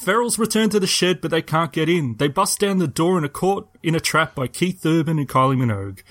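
A man's voice: a little high, animated, fairly quick. A man co-hosting a podcast, recapping an episode in casual chat and laughing often. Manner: laughs often while talking, playful. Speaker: podcast co-host.

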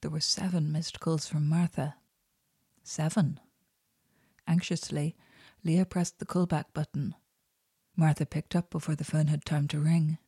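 A woman narrating an audiobook in a soft, unhurried, intimate way. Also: deep voice, level tone, husky, no room sound, studio quality.

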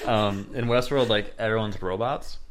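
A man's voice: fairly low pitch, moderate pace, a little hiss or hum. A young man co-hosting a casual podcast, laid-back and a little hesitant as he explains things. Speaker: podcast co-host. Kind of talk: casual chat.

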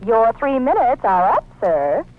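An actress playing a polite, businesslike long-distance telephone operator, heard over a thin payphone line. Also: female voice, fairly high pitch, very animated. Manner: brisk, formal, clipped. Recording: tinny phone line, distant.

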